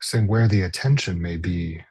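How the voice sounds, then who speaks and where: Speaking in a soft, husky, breathy voice that sits low, a man leads a guided body scan meditation as a teacher. He goes gently and slowly, leaving pauses between brief phrases, and the recording is dry.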